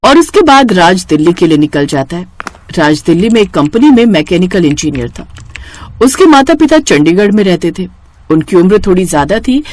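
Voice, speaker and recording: A woman narrating a moral story in a measured storytelling manner. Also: fairly low pitch, a little mellow. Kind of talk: scripted narration.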